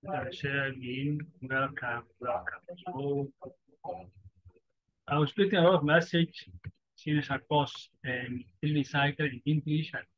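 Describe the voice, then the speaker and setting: Speaking on the high side, a Somali-speaking man gives an informal forex trading lesson, pausing often and repeating phrases in broken English. It's a dry, slightly dull lo-fi recording without echo.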